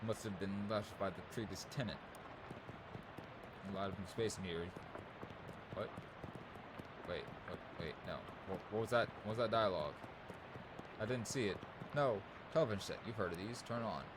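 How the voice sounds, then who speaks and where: A man's voice: on the low side, normal speed, pauses often. A young man playing a game, reading its text aloud with casual commentary, swearing and surprised asides. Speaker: let's play gamer. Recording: noticeable background noise.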